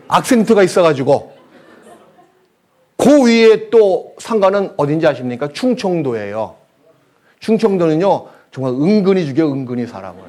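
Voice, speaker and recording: A male pastor preaching a sermon in a church, telling anecdotes with humor and swinging between loud bursts and quiet asides. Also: on the high side. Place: church hall.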